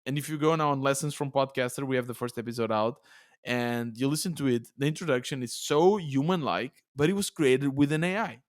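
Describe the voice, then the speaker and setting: A man with a Portuguese accent hosting a solo podcast, talking in a chatty, excitable way with many restarts. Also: mid-range voice, a little fast. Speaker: podcast host. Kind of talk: casual solo podcast monologue. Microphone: podcast studio mic.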